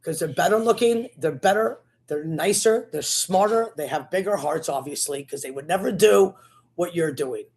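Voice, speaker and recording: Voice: mid-range voice, normal speed, vocal fry, a little mellow. A commentator giving an impassioned, sermon-like political rant in an accusatory, repetitive, preachy manner.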